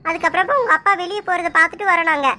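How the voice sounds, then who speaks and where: A woman's voice: extremely high pitch, bright, forceful tone, slight background noise, full character voice. Kausalya, an outspoken village girl, voiced by a woman. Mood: indignant. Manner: quick, scolding, indignant.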